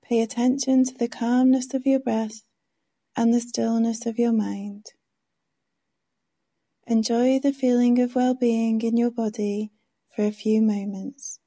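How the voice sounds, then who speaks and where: A woman guides a meditation in a soft, hushed, soothing voice that is very mellow and rounded and sits slightly high, with little pitch movement. She delivers each gentle instruction slowly, leaving pauses between phrases.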